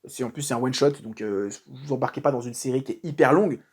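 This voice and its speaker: A man talks casually through a comic book review in an informal, chatty way, using slang, frequent fillers and restarts. He speaks fast in a mid-range voice that is a little mellow and husky.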